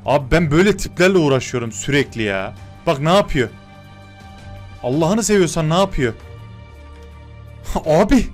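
A young man commentating his own Minecraft gameplay, excitable and quick to get annoyed at his teammates. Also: a little high, soft background music. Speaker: gaming YouTuber. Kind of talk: Minecraft let's-play commentary.

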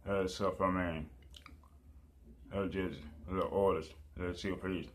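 A man preaching and praying in a rambling, halting way, repeating pleas over and over with many fillers. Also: sits low, fairly even intonation, a little hiss or hum.

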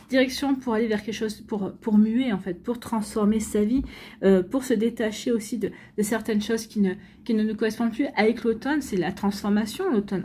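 A woman's voice: medium pitch, warm tone, slight background noise. A woman giving a chatty weekly tarot reading for star signs, full of fillers, restarts and repeated phrases. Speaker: tarot reader. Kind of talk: weekly astrology card reading.

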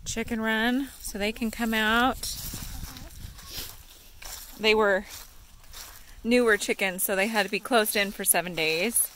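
A woman's voice: a little high, steady tone, slow, long pauses, fairly bright tone, slight background noise. A woman giving casual, easygoing vlog narration outdoors on a farm. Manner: easygoing, with fillers. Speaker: vlogger.

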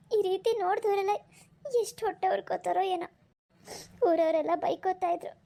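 A weepy, humble village mother in a cartoon, voiced by a woman, her voice pitched very high. She fusses over her guests and pleads through tears. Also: warm tone. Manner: tearful, pleading, fussing. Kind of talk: cartoon voice acting.

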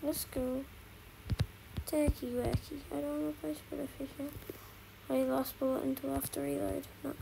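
A woman giving casual, excitable commentary while streaming a game, repeating herself and talking to her chat. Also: high voice, normal speed, gravelly, background noise.

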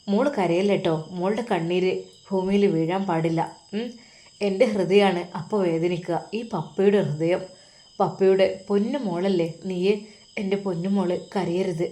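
A woman with a Malappuram Malayalam accent voicing a loving middle-aged father who gently comforts his daughter in a storybook reading. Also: lowish voice, steady tone, moderate pace, close to an everyday voice. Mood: soothing. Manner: gentle, soothing, reassuring.

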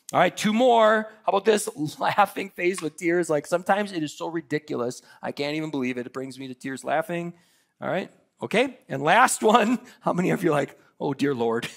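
A man's voice: on the high side, creaky. A man preaching a sermon as pastor, leading the church in a playful audience exercise. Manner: upbeat, leads audience participation with laughs.

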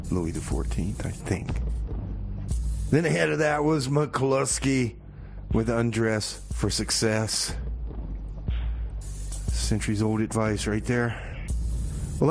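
A fairly low-pitched man hosts a community radio show with casual, comedic DJ patter. He rambles in a folksy way and keeps repeating his phrases.

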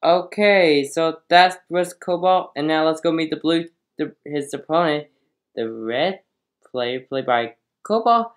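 Woman w a low voice hosting a make-believe game show, rambles, trips over the questions. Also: measured pace.

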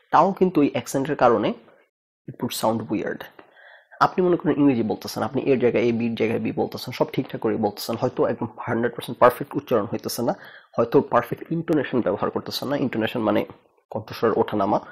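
A man from Bangladesh talks through his ideas on his own casual show, asking rhetorical questions and dropping English phrases into his sentences. His voice is gravelly, with a husky edge, and sits at a middling pitch. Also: darkish tone. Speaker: host. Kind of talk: casual talk-show monologue.

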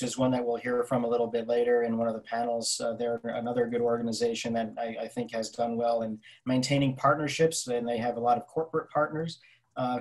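A man's voice: medium pitch, darkish tone, rough recording. Man giving a keynote over video. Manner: thoughtful, many fillers and restarts; gestures with his hands while talking. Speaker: keynote speaker. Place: home office with bookshelves. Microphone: laptop webcam on a video call.

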